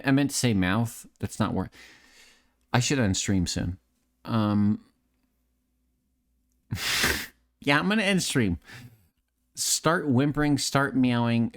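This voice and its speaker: A man's voice: fairly low pitch, expressive, slow pace, pauses often. A man streaming late at night, chatting candidly, repeating words and restarting sentences, swearing and joking at his own expense. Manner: swears freely, joking and self-mocking.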